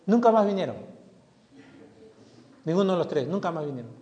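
A man preaching a sermon as pastor, impassioned, swelling loud and then dropping low. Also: sing-song, a little fast, dull audio. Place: church hall. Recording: long hall reverb.

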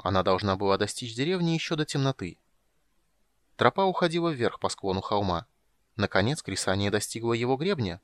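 A man reading a fantasy audiobook in a measured storytelling manner. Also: mid-range voice, no echo. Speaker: audiobook reader. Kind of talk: scripted audiobook narration.

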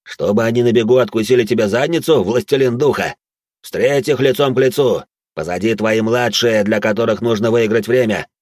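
A man's voice: medium pitch, brisk, a little mellow, no echo, clean studio sound, lightly acted. A man voicing a mocking, battle-hardened old man in an audiobook who sneers and barks orders. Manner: gruff, sneering, barks commands.

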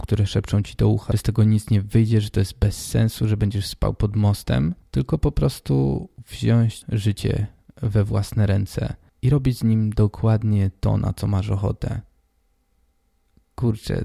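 Hoarse, stuffy-nosed young man, very creaky. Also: on the low side, warm tone, no room sound, clean studio sound. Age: 20s. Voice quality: stuffy blocked nose. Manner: informal, addressing the listener directly. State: hoarse, congested with a stuffy nose. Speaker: podcast host. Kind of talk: casual solo podcast monologue.

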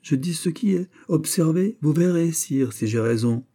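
Rich: A wounded, proud young royal lady, put on by a man in an audiobook, her voice lifted high and strained. She protests plaintively and reproachfully, with a husky edge in her tone. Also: expressive, normal speed, mellow. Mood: pleading. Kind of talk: audiobook character reading.

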